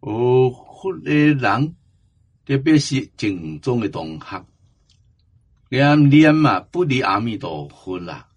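A man giving a Buddhist Dharma talk, slow and emphatic, drawing out the ends of his phrases. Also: on the low side, expressive, husky, lo-fi sound. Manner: slow, emphatic exhortation with drawn-out endings. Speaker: Buddhist teacher.

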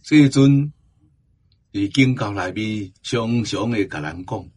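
Guy giving a buddhist dharma talk, kinda low and husky, stretches his words out. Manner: slow, emphatic exhortation with drawn-out endings. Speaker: Buddhist teacher.

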